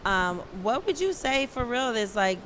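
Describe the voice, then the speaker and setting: A woman's voice: a little high, very animated, measured pace, a bit bright, slight background noise. A woman hosting a casual interview show, rambling with lots of fillers and restarts. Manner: rambling, filler-heavy, laughs often. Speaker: talk show host.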